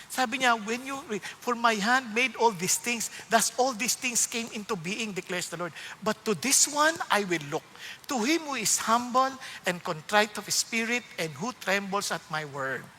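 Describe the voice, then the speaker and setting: A man's voice: high-pitched, unhurried, a little hiss or hum. A man with a Filipino accent preaching a sermon, switching between Tagalog and English and acting out the voices of complainers. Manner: animated, mixes Tagalog and English, acts out complainers. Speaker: pastor. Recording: long hall reverb.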